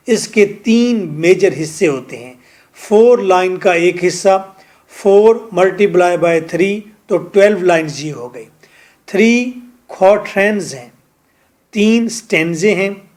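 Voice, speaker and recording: Slow, high-voiced man teaching literature. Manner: explains slowly, repeats each English point in Hindi. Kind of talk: recorded lecture.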